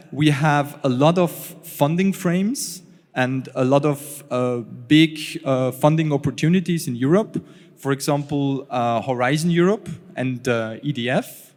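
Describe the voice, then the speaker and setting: A man talks through his points on a conference panel, pausing often and restarting his sentences. His voice sits at an ordinary middle pitch. The sound carries the long reverb of a large hall. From Austria. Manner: halting, many fillers and restarts. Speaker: panelist, researcher.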